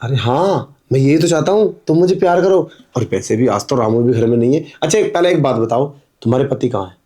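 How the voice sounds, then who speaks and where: A man's voice: medium pitch, expressive, brisk, dark tone, close to an everyday voice. A man playing a pushy young milkman who wheedles and insists in a melodramatic drama. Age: young adult.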